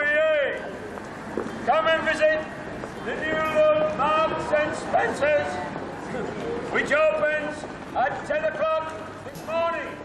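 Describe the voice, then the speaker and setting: A man proclaiming an announcement as a town crier. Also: very high voice. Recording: distant, echoing, loud music over it.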